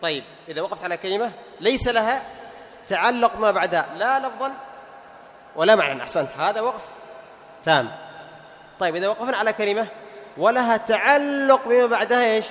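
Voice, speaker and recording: A man's voice: high-pitched, animated, fairly quick, pauses often, a bit bright. A man teaching a Quran recitation class, quizzing his students and now and then chanting verses. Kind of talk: classroom lesson with questions to students. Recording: faint noise, long reverb.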